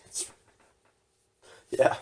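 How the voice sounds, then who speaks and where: A man's voice: drawn-out words, rough recording. Young man joking on a podcast. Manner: joking, acts out comedians' bits. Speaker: podcast co-host. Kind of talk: casual chat.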